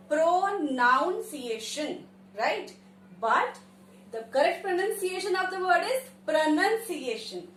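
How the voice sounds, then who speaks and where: A woman with an Indian English accent teaching English pronunciation, switching between Hindi and English and drawing out each example word slowly. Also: very high voice, echoey room, slight background noise, poor audio. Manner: slow, deliberate, drawn-out example words.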